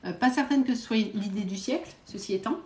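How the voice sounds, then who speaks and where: A woman psychic medium giving quick readings to viewers during a live stream, direct and coaxing, often adding little verbal tags. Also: medium pitch, a little mellow, roomy sound. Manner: brisk, direct, coaxing, peppered with "hein" and "euh".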